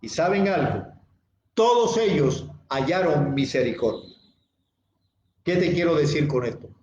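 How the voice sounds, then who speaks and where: Male pastor, fairly high voice, unhurried sermon delivery, repeats lines for weight; echoey, dull lo-fi sound. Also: expressive, darkish tone, slight background noise. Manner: slow and deliberate, repeating key phrases and addressing listeners directly.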